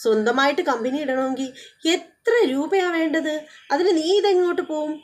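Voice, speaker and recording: A middle-aged mother who nags her idle grown son in an incredulous, scolding tone, as a woman puts her on. The voice is high and pressing. It is told as a spoken serial recap. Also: lively intonation, moderate pace.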